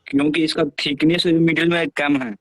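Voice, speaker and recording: A man's voice: fairly high pitch, flat delivery, moderate pace. A male student giving his answers to the teacher during an online class, polite and addressing him as sir.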